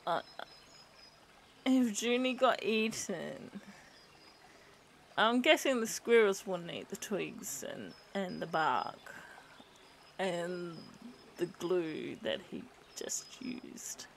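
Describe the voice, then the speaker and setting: A woman's voice: lowish voice, animated, very slow, gravelly, pauses often, slight background noise. A woman with an Australian accent giving casual reaction commentary on a video, hesitant and full of fillers and restarts.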